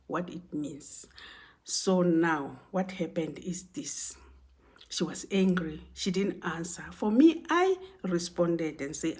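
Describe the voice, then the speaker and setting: Slow-talking woman telling a story. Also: medium pitch, warm tone. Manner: conversational, repeats phrases, many "you know" and "and then". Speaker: vlogger telling a workplace story. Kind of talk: casual storytelling.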